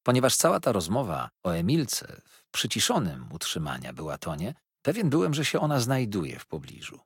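A male audiobook narrator tells a classic story in the first person, pausing and swelling for drama. His voice is low and husky, and his pitch moves in wide, animated sweeps. The sound is close and dry, with no room in it. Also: no echo. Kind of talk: expressive literary audiobook narration.

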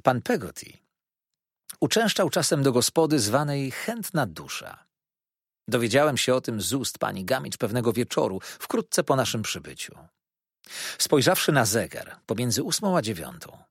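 A man narrating a novel in the first person, reading in an expressive, lively storytelling manner. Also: mid-range voice, husky, no echo, clean studio sound. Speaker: audiobook narrator.

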